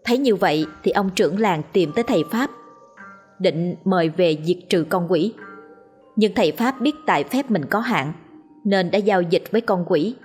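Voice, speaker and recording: A woman's voice: fairly low pitch, lively intonation, normal speed, darkish tone, breathy edge, soft background music. A woman narrating a ghost story with dramatic storytelling.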